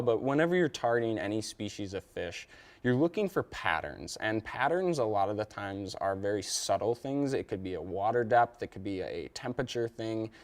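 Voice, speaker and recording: A young man from Wisconsin speaks in a low, smooth, resonant voice. He answers questions casually, with fillers and restarts, as an angler guest on a TV show. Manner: relaxed, many fillers and restarts. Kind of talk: casual interview.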